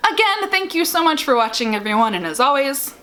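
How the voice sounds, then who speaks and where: Pitched high and sing-song, her brisk, bright voice carries a forceful tone. The same writing-advice vlogger addresses viewers directly with strong opinions, staying wry and casual while hammering home key words.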